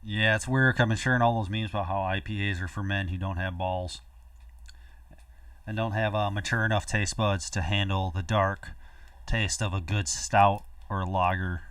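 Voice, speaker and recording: A man's voice: lowish voice, fairly even intonation, moderate pace, fairly bright tone, distant mic. A young man chats loosely over a game and tells stories with easy laughs and blunt swearing. He sits a bit back from the microphone. The sound is dry and close, with no room echo. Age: young adult. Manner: laughing storyteller, swears freely. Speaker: co-host of a gaming video. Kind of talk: casual chat while gaming.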